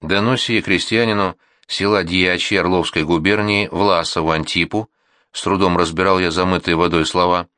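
A man reading a war memoir aloud as an audiobook narrator, with an expressive, measured delivery. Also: sits low, no echo, clean studio sound.

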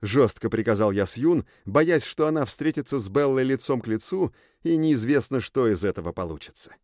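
A man narrating a dark audiobook in the first person, expressive and intense. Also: mid-range voice, normal speed, no echo, studio quality.

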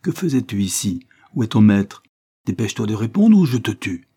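A man voicing a gruff, commanding detective. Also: on the low side, animated, moderate pace, dark tone. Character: tough male Japanese detective, commanding.

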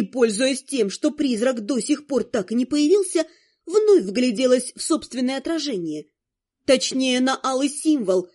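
A woman reads a fantasy novel in the first person, with a high, soft and mellow voice. Her reading is expressive and animated, with dialogue brought to life. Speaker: audiobook narrator.

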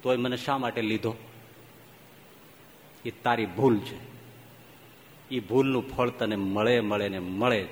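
Storytold male cobra, pleading then icy, done by a male preacher; low voice, reverberant hall with faint ambience. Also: takes it slowly, pauses often, a little hiss or hum. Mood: cold. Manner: whining and begging, then coldly unrepentant.

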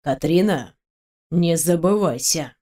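A reader voicing a cunning, powerful male mage lord who speaks calmly and tersely in an audiobook. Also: mid-range voice, slow. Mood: curt. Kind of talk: audiobook character voice.

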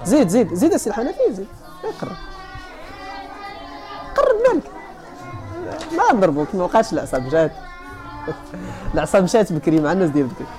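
A man with a Moroccan accent giving a classroom lecture on hadith terms, explaining each point and often asking his students whether it is clear. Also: high voice, sing-song, rapid-fire, over music, crowd noise. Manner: explains then checks if students follow. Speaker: teacher of hadith sciences.

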